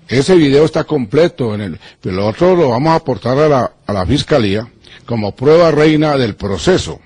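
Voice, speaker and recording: A man, a lawyer answering interview questions in an earnest, deliberate and accusatory way. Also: medium pitch, a little mellow, slightly rough, no room sound. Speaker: lawyer giving an interview about threats.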